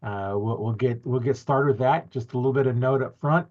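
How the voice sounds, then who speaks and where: A man's voice: medium pitch, fairly quick, lo-fi sound. A man hosting a podcast interview over a video call, talking in a folksy, rambling way with fillers. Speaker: podcast host.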